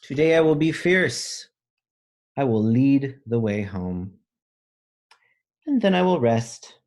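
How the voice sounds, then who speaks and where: A male elementary school teacher reads a children's picture book slowly and deliberately, voicing the lines with expression before stepping out of the text to explain things simply, as he would for young pupils. His pitch is ordinary for a man and his tone darkish.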